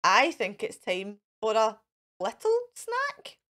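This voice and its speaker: Storybook wolf played by a woman: boastful would-be superhero, high and animated, earnest declarations. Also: takes it slowly, exaggerated voice. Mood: proud. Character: eager, boastful male cartoon wolf playing superhero.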